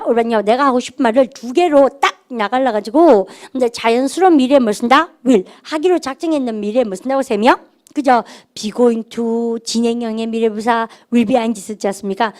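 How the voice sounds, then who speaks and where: A middle-aged woman teaching an English grammar class, animated and having students repeat phrases after her. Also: on the high side, fairly quick. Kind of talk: classroom lecture.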